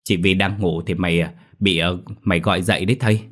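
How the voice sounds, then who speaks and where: A man voicing a shrewish young woman who nags loudly. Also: fairly even intonation, quick pace. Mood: nagging. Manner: shrill, nagging.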